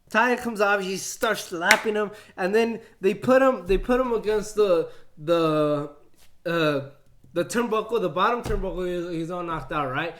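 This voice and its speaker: A man chatting excitedly in a casual review, retelling scenes and laughing often. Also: high-pitched. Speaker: wrestling show reviewer.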